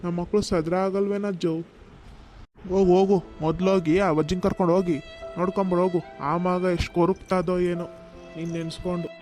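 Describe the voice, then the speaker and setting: A man's voice: high-pitched, little pitch movement, fast, a little mellow, soft background music, natural voice. A man voicing Ramesh, a chatty village man. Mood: coaxing. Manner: coaxing, scolding rural banter.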